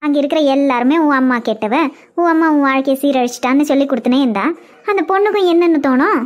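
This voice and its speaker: A woman's voice: sits high, quick pace, close to an everyday voice. Woman doing a bossy older auntie in a cartoon. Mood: bossy, caring. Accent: Kanyakumari Tamil. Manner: bossy, coaxing, scolding. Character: older aunt, scolding yet caring elder woman. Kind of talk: cartoon web series voice acting.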